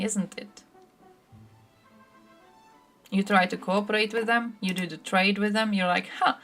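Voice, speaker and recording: A woman's voice: medium pitch, a bit bright. A woman from Croatia streaming live, giving blunt, sarcastic political commentary and answering chat, swearing freely.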